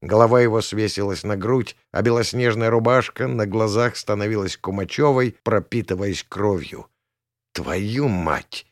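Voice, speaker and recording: Gruff, low-voiced male audiobook narrator. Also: moderate pace, hardly any pauses, no room sound, clean studio sound. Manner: gruff, colloquial. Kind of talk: first-person audiobook narration.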